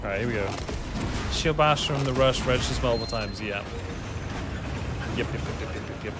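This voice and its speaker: A Welsh-accented man in his thirties from West Wales talks casually to his stream while gaming, swearing often, laughing easily and rambling to chat. His voice is medium-pitched and a little fast, with heavy background noise and music playing behind him.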